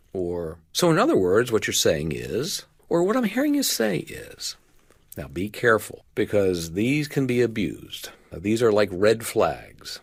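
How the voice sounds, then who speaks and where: A man lecturing on listening skills in a measured, emphatic way, slowing down to stress key phrases. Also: on the low side, slightly rough, no echo, clean studio sound. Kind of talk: recorded lecture.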